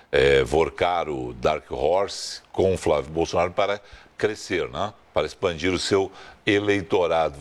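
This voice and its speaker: Male host, low-pitched voice, chatty, long rambling questions. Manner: conversational, long winding questions. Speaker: interviewer. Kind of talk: political interview questions.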